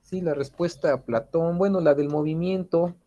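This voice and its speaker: The audio is dull as a man with a slightly high, dark-toned voice teaches an informal philosophy class at a moderate pace. He keeps it chatty, full of fillers and tag questions, and acts out anecdotes as he goes.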